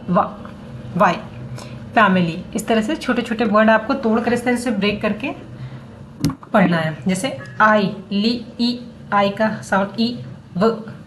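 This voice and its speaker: A woman teaching English phonics in a lesson. She breaks words into syllables, sounds them out letter by letter and corrects herself as she goes. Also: medium pitch. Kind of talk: classroom-style lesson explaining syllables. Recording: faint background noise.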